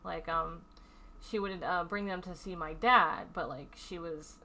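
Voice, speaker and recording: In a candid storytelling vlog, a woman recounts a painful personal experience, stressed and upset, swearing heavily, sighing frequently and rambling with fillers. Her voice sits on the low side, with an unhurried pace and a sharp tone. A little hiss or hum can be heard.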